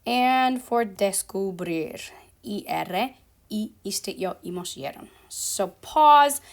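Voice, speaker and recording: A woman teaching a language lesson, explaining verb endings slowly and deliberately, dropping English fillers like "so" and "ok" between her Spanish. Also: mid-range voice, expressive, creaky. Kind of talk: slow classroom explanation.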